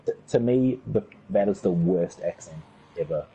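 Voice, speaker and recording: Deep, husky New Zealand man. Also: expressive, moderate pace, mellow, low-quality recording. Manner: laid-back, joking banter. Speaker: gaming streamer. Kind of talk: casual gameplay chat.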